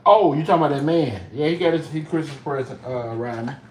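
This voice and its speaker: Cooking in his home kitchen, a middle-aged man talks casually to his viewers and pets for his cooking vlog. He speaks fairly quickly in a somewhat high, darkish-toned voice, recorded in an echoey room on a distant mic with background noise.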